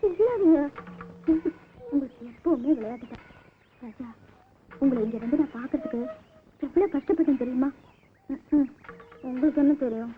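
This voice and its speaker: A woman's voice: high-pitched, lively intonation, moderate pace, long pauses, a little hiss or hum. An actress playing a young, poor village woman who is a devoted and jealous lover, speaking with emotion and pleading. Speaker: film actress. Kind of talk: old film drama acting. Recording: tinny lo-fi old film soundtrack with music.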